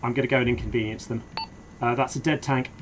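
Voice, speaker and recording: A man playing a helicopter pilot in a military game, speaking in measured, understated phrases that switch between casual chat and radio procedure. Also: medium pitch, steady tone, a crowd in the background, poor audio. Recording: loud helicopter noise behind voice.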